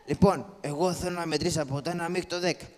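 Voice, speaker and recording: A man's voice: on the high side, fairly even intonation, darkish tone, natural voice. A man voicing a scrappy, poor comic father in a live shadow-puppet show, bossy and teasing as he scolds his children. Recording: echoey hall, live show.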